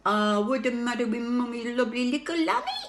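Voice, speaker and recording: A woman's voice: fairly high pitch, very animated, brisk, pitched above the performer's own voice. A woman reading a children's book aloud, voicing a doting young mother who coos in baby talk. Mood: cooing. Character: fond, cooing young mother.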